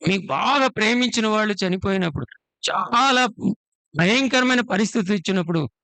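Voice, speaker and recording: A man's voice: sits high, bright, forceful tone, clean tone, no echo. A male preacher, giving a sermon to his church and firing rhetorical questions at the congregation. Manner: switches between slow drawn-out phrases and quick runs.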